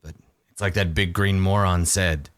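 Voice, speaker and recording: A man voicing a sullen, proud hobgoblin prisoner in a tabletop game, speaking slowly and tersely. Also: low-pitched, fairly even intonation, fairly bright tone, no echo, studio quality. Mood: sullen, wary. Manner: slow, grim, terse.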